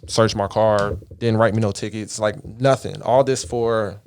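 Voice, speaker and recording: A man's voice: lowish voice, steady tone, measured pace, a little mellow. A man from the Caribbean, hosting a podcast, telling a story in a casual, profane way and acting out the voices he quotes. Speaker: podcast host.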